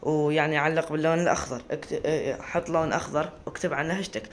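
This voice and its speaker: A man's voice: on the high side, steady tone, quick pace, slight background noise. A man with an Iraqi accent talking casually to camera, rambling and often breaking off to restart words. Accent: Iraqi Arabic. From Iraq. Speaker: video creator.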